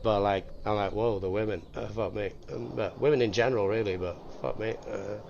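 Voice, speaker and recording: A man's voice: on the low side, steady tone, brisk, gravelly. A man rambling and swearing freely in casual gaming chatter, repeating himself as he talks. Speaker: gamer streamer. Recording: muffled lo-fi with loud vehicle noise.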